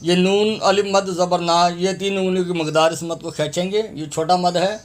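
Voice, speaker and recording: A high-pitched man leads a recitation lesson, breaking words into letters and vowel marks. He repeats every point patiently and earnestly asks listeners to fix their pronunciation. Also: flat delivery. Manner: patient, repeats each sound several times, earnest pleading. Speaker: Quran recitation teacher. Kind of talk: tajweed lesson, spelling out and drawing out verses.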